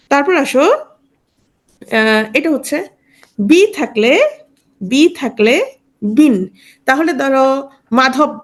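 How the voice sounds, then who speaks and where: A woman teaching a grammar lesson, explaining step by step and asking and answering her own questions. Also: high voice.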